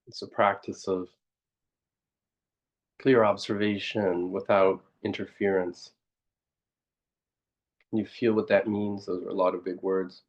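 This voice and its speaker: With a deep voice and flat delivery, a male teacher leads listeners through meditation, pausing on short, unhurried reflections and quietly asking questions.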